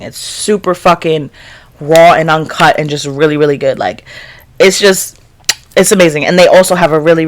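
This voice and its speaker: A young podcast host, telling stories in a casual, excitable way, swearing freely and filling with "like". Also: medium pitch. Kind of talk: casual solo storytelling.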